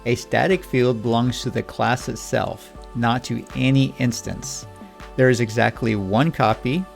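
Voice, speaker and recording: A man's voice: medium pitch, fairly even intonation, measured pace, creaky, soft background music. A man teaching programming in a scripted lesson dialogue, patient and Socratic, asking questions to lead his student. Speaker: programming instructor.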